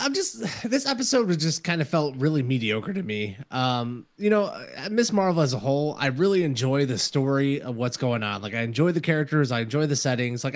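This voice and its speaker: A man's voice: medium pitch, dry recording. A man co-hosting a podcast, talking in an easygoing, casual way. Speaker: podcast co-host. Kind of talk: casual review chat.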